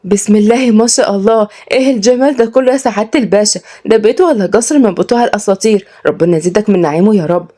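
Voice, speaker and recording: Lady putting on a feisty upper egyptian nanny, talks higher than the narrator, quick and blunt. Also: animated, lightly acted. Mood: amazed. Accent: Upper Egyptian Arabic. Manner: blunt, scolding, sharp-tongued. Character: fierce young Upper Egyptian woman nanny.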